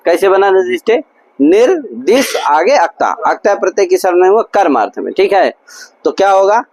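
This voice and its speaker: A man's voice: high voice, darkish tone, a little hiss or hum, poor audio. A man teaching Sanskrit grammar in a classroom lecture, drilling his students with constant repeated questions. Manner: repetitive, drilling explanations. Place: gurukul classroom.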